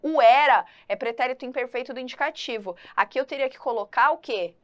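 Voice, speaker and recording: Lively woman teaching grammar. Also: high voice, muffled recording. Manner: lively, talks to the student directly, quick asides. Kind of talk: online exam-prep grammar lesson.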